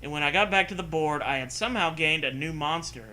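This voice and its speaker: Reading a horror story aloud at a quick clip, a man with a fairly high, very bright, forceful voice turns sarcastic and profane. He flips between mock-serious narration and casual, foul-mouthed riffing, with some background noise in the recording.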